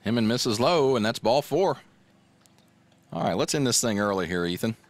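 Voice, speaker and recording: A man calls a small-town high school baseball game in a relaxed, joking way. His voice is mid-pitched and sits close and dry on the mic. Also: normal speed, dry recording. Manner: relaxed, joking, gets loud and excited on the home run. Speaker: play-by-play announcer.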